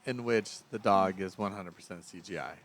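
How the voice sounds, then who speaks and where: A man's voice: low voice, brisk. Man, middle-aged, podcast co-host, casual film chat, rambling, self-correcting.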